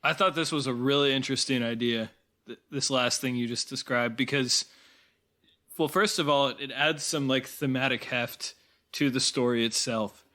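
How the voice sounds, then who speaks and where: A man's voice: mid-range voice, steady tone, moderate pace, bright, forceful tone. A man co-hosting a film podcast, musing analytically in a casual tone with plenty of "like" and "kind of". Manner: thoughtful, analytical, hedges with "like" and "kind of". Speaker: podcast co-host. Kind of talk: casual film review chat.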